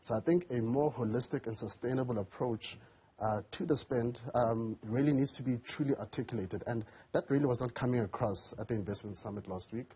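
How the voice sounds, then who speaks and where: A man's voice: medium pitch, a little fast, breathy edge, muffled recording. A man, a youth business advocate and entrepreneur, speaking emphatically as a guest on a TV panel. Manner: emphatic, keeps stressing his key words. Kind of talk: live TV panel discussion.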